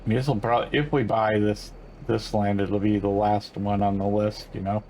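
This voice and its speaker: A man's voice: fairly low pitch, level tone, moderate pace, a little mellow, slight background noise, low-quality recording. An older man casually commenting while playing a farming game, rambling along with lots of fillers and restarts. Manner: rambling, laid-back, many fillers and self-corrections. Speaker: gaming channel host.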